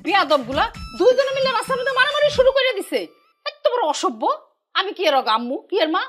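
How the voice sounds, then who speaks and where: Scolding village mother, middle-aged, bright sharp voice, lively swings. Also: fast talker, soft background music, full character voice. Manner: scolding, shrill, ranting.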